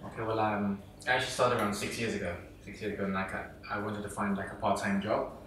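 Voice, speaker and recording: A young man from England talks casually as a guest, his low voice running quickly through fillers. He sounds distant from the mic in a very echoey room, with faint ambient noise behind. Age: young adult. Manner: relaxed, rambling, many fillers. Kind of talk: casual interview chat.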